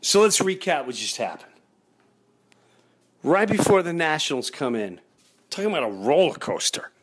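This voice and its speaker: Animated man telling stories casually. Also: a little high, moderate pace, slight background noise. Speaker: host of a baseball fan show. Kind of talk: casual chatty storytelling to the audience.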